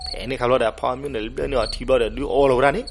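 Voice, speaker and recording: A man narrating a folk legend, animated and switching voices for the characters. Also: mid-range voice, very fast, vocal fry. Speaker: storyteller. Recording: noisy recording with crickets behind.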